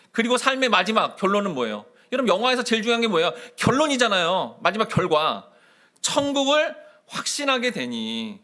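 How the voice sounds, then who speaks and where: A man preaching a sermon as pastor, animated and full of questions to the congregation, acting out prayers and replies. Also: high voice.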